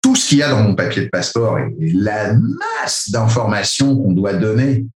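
Casting: low-voiced man from France, rambling talker, echoey room sound. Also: huge pitch swings, moderate pace. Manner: rambling, many restarts and fillers. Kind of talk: casual discussion.

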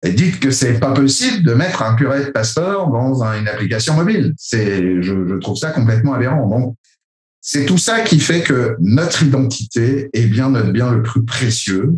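A man's voice: mid-range voice, expressive, moderate pace, roomy sound. A man from France talking casually in a discussion, rambling with many fillers and restarts.

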